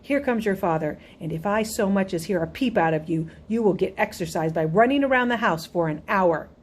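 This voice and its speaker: A woman voicing a stern, worried mother who fusses and scolds her children in a sharp, raised voice. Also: mid-range voice, brisk, close to an everyday voice. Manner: sharp, scolding, fussing questions.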